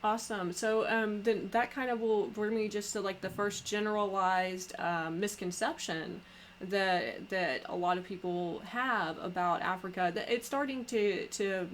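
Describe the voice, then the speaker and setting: A woman hosting a podcast in casual conversation, talking haltingly with many pauses and restarts. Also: mid-range voice, fairly even intonation, slight background noise. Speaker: podcast host.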